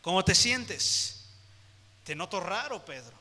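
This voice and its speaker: A pastor doing soft, tender Jesus. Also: male voice, high-pitched, big pitch swings, long reverb tail, exaggerated voice. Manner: soft, tender, slow questioning. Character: gentle compassionate Jesus questioning Peter.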